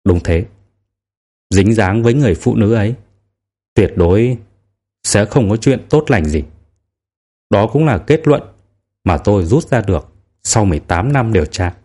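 A man voicing a middle-aged veteran police detective in an audiobook, speaking in a measured, quietly probing way. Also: lowish voice, animated. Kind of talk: audiobook character reading.

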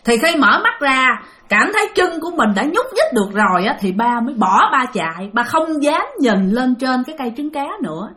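Southern Vietnamese woman, lively high-pitched ghost-story narrator. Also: normal speed, few pauses. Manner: animated, addresses listeners often. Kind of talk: spoken ghost story told to listeners.

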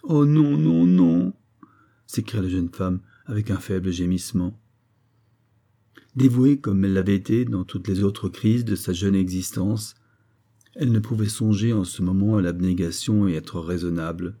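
Male audiobook narrator, low voice, very dark timbre, measured. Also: steady tone.

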